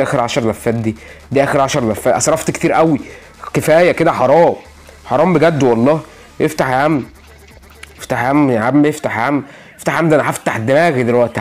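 A man's voice: medium pitch, rapid-fire. A young man with an Egyptian Arabic accent giving gaming commentary, exasperated, repeating himself and pleading with the game as he opens loot boxes. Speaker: gaming channel host.

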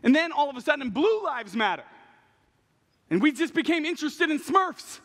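A young man preaching a passionate, animated sermon from a church pulpit, acting out what people say. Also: extremely high pitch, moderate pace. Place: large church stage at a pulpit. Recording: long reverb of a large hall.

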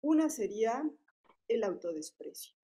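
A woman's voice: a little high, sing-song, unhurried, dark tone. A woman in her fifties with a Mexican accent, speaking casually as a panelist at a forum, with many fillers and tag questions. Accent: Mexican Spanish. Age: 50s. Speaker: panelist at a public policy forum. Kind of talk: forum talk, conversational.

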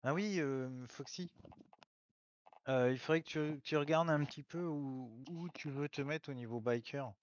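A man's voice: fairly high pitch, a little slow, no room sound. Teasing man in muffled voice chat. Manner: teasing, joking banter. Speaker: gamer in a voice-chat squad. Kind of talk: casual gaming chat.

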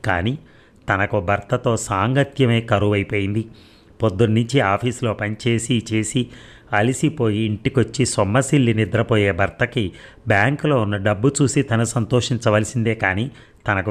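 A man reading a story aloud as a narrator, steady and measured. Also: on the low side.

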